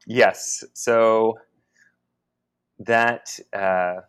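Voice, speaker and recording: A man co-hosting a podcast, talking in a halting, musing way with many restarts. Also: lowish voice, a bit bright. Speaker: podcast co-host. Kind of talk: casual spiritual conversation.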